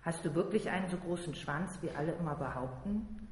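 A woman's voice: fairly low pitch, a little fast, darkish tone, slight background noise, close to an everyday voice. A woman voicing a cheeky, pushy young woman fan in a memoir reading. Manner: cheeky, brash. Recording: roomy long reverb with faint ambience.

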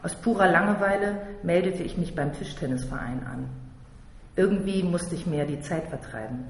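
A man's voice: high voice, normal speed. A man from Berlin reading a first-person story aloud in a blunt, slangy, tough-talking way. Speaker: narrator. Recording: roomy hall reverb, faint noise.

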